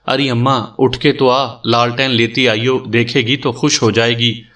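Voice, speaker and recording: A man voicing a bossy, chatty eunuch who calls out in brash, scolding shouts. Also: medium pitch, level tone, distant mic, lightly acted. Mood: excited calling.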